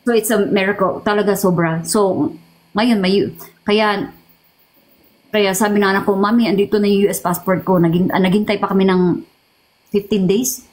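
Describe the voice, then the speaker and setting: A middle-aged woman from the Philippines shares an emotional personal testimony in an interview. She talks haltingly, often repeating and restarting words as she mixes in English. Her voice sits at an ordinary pitch. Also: fairly even intonation, darkish tone, poor audio. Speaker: interview guest.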